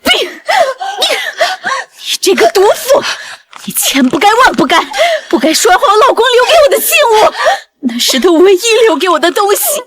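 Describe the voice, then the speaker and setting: A woman's voice: very high-pitched, very animated, a little slow, pauses often, exaggerated voice. An actress playing a middle-aged mother-in-law, a hidden powerful matriarch, who swings from tearful pleading to fierce command. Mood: furious, weeping. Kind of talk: short drama acting.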